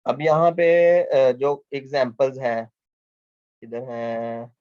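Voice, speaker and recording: A man's voice: mid-range voice, slow pace, darkish tone, no room sound. A man giving a mathematics lecture in a patient, explanatory way, often repeating key points and asking questions he then answers himself. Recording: dull dry lo-fi lecture recording.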